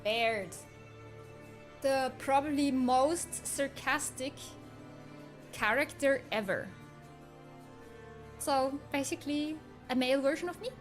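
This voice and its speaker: A man's voice: very high voice, takes it slowly, pauses often. A man speaking through a voice changer that makes him sound female, playing a teasing, sarcastic AI avatar who chats casually with viewers. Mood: chatty. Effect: voice changer making a man sound female. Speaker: streamer. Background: faint game soundtrack music.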